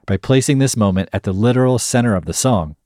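Low steady podcast guy breaking down a song, super dry sound. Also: no room sound. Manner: measured, explanatory, reads quotes aloud. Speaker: podcast host. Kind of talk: scripted analytic narration.

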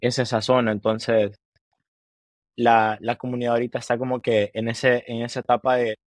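In a dry recording, this musician's mid-range voice holds a level tone. He is a Honduran man in his twenties chatting casually in an interview in a mix of Spanish and English. His speech is sincere yet stop-start, full of restarts and repeated words.

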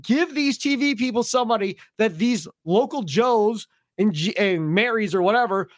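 Man, podcast co-host; lively opinionated chat, high voice, dry close sound. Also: moderate pace, dry recording. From Milwaukee, USA. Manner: animated, opinionated, acts out quotes. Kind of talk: casual chat.

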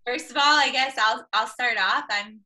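A young woman with a Valley Girl accent and a very bright, forward voice. She talks in a bubbly, gushing sorority-girl way, as a guest in a casual podcast chat. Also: fairly high pitch, moderate pace. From Los Angeles, California. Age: young adult. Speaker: podcast guest, ministry leader.

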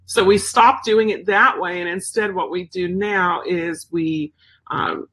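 Bright-voiced woman chatting casually. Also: lowish voice, fairly even intonation, measured pace, slightly rough. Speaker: service dog handler sharing updates. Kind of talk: casual chat.

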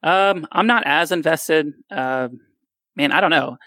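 Gravelly bright-voiced man in his thirties. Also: a little high, unhurried, no room sound. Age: 30s. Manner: rambling, self-deprecating, jokey. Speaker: podcast co-host. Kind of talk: casual fantasy baseball chat.

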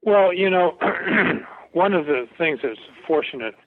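An older man, a historian, answering interview questions in a reflective academic way, halting and repeating words as he thinks. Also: a little high, lively intonation, no room sound. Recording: tinny phone-like radio recording.

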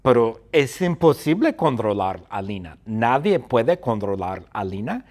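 Man, teacher, animated storytelling with sound effects, slow and swooping. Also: medium pitch. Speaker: Spanish teacher. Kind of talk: storytelling lesson for students. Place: classroom.

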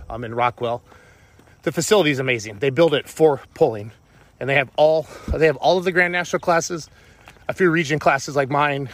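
A man's voice: mid-range voice, fairly bright tone, no echo. A man, out of breath, giving a rambling, upbeat casual update and often correcting himself. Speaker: tractor pulling team owner.

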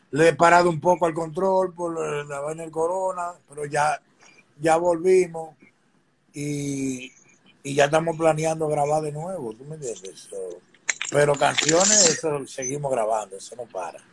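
A man's voice: a little high, unhurried, a little hiss or hum, low-quality recording. A middle-aged man, chatting casually as a guest artist in an interview, laid-back and streetwise, often checking that he is understood. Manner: laid-back, streetwise, keeps asking "¿tú me entiendes?".

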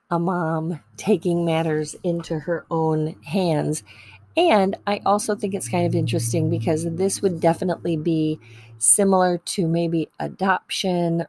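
Lady telling bible stories real casual, wanders off topic, fixes her words, low and slow. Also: a little mellow, dry recording. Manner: chatty, digressive, self-correcting. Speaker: speaker sharing Bible stories about mothers. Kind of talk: casual devotional talk.

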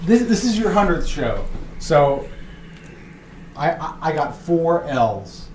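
A man with a lively, swooping voice delivers a comedic sports rant as a podcast guest, stammering as he builds up and laughing at his own punchlines. He sounds roomy and echoey, with a crowd audible behind him. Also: fairly high pitch, takes it slowly.

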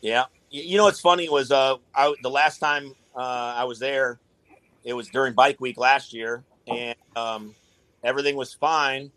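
A man's voice: medium pitch, fairly even intonation, normal speed, pushed and bright, no echo. A man in a casual podcast chat, talking in a laid-back, rambling way with lots of swearing. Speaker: guest, tattoo artist.

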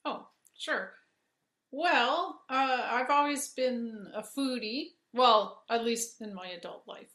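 A woman's voice: on the high side, takes it slowly, a bit bright. Woman guest in an echoey room. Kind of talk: casual interview chat. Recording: roomy echoey sound.

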